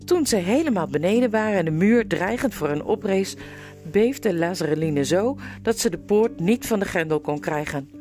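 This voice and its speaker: A woman's voice: mid-range voice, animated, normal speed, a little mellow, soft background music. A woman reading a children's storybook aloud, telling the story expressively. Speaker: reader.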